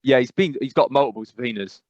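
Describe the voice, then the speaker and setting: Quick-paced and slightly mellow at a medium pitch, with no room sound, an English co-host chats on a casual podcast. He meanders and falters, backtracking and using many fillers, laughing as he speaks into a dull, dry lo-fi mic.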